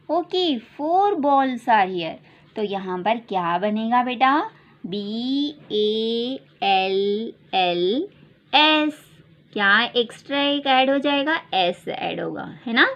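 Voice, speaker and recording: A woman teaching English to young children, spelling words letter by letter in a sing-song way and repeating questions. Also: a little high. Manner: repeats questions and calls the listener "beta". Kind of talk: classroom lesson for young children. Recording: dull lo-fi sound.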